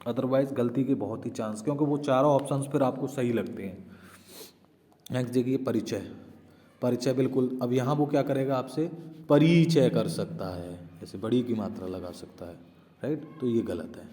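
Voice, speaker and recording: Guy teaching spelling for exams, asks himself questions then answers, warm low-key tone. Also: moderate pace, long reverb tail. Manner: explains step by step, often asks and answers his own questions. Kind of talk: exam-prep spelling lesson.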